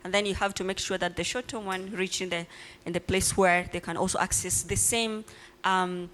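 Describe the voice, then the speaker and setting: A woman's voice: medium pitch, fairly even intonation, normal speed, fairly bright tone, a little hiss or hum. A woman, plainly explaining a definition during a workshop discussion. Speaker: workshop participant.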